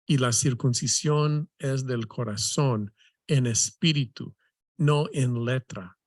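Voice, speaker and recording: Slow-speaking man leading Bible study. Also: mid-range voice, dry recording, studio quality. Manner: slow, halting, many restarts and "¿verdad?" tags.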